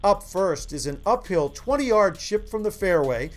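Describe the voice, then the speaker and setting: A man narrating golf highlights from a script as a sports show announcer. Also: animated, measured pace, faint music behind.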